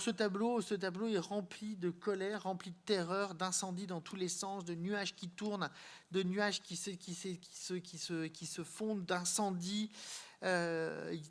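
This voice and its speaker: With a high-pitched voice, a man gives a live art history talk aimed straight at his audience, pausing to find words and repeating them often.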